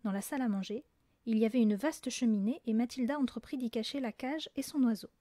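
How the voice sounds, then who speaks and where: A woman reading a children's story aloud in a lively, expressive way, close to the mic. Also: on the high side, quick pace, dry recording. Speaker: audiobook reader. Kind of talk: storybook narration.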